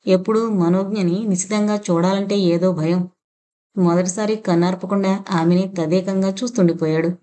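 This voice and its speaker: A woman narrating an audio novel in a steady, measured storytelling manner. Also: mid-range voice. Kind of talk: scripted narration.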